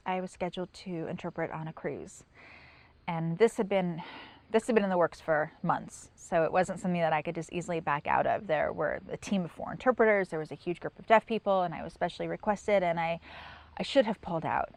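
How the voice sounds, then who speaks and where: A middle-aged woman recounting a painful personal experience in a halting, emotional way, with pauses and restarts. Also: on the low side, gravelly. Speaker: interviewee telling her story. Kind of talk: personal testimony.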